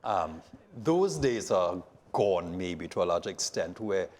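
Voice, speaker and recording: A man on a panel speaking in a relaxed way, chuckling and leaning on fillers. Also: sits low, slow pace. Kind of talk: panel discussion.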